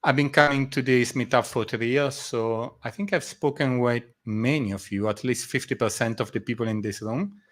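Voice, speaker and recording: A middle-aged man from Argentina and Italy, giving a measured conference presentation with frequent pauses in a meetup room. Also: mid-range voice, steady tone, a bit bright. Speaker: guest speaker. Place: meetup room before a live audience.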